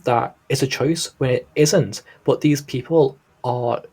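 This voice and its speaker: Husky Scouse man giving casual opinions. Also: medium pitch, a little slow, darkish tone. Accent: Liverpool Scouse. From Liverpool, England. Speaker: reaction video host.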